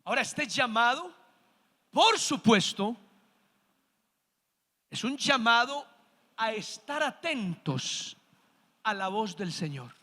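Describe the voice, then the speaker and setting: A man's voice: extremely high pitch, big pitch swings, slow, long pauses, bright, forceful tone. A man pastor delivering a sermon, preaching with rising emphasis and calling the congregation to say amen, in a church sanctuary. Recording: long church hall reverb.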